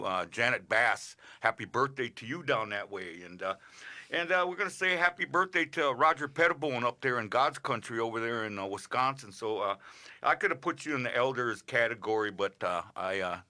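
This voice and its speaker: A middle-aged man on a radio show, rambling casually through birthday shout-outs with lots of filler sounds. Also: mid-range voice. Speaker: regular radio segment host. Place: radio studio.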